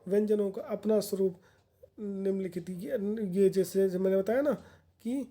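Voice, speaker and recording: A woman's voice: medium pitch, moderate pace, mellow. A woman teacher giving a grammar lesson for exam candidates, explaining patiently and repeating points in plain words.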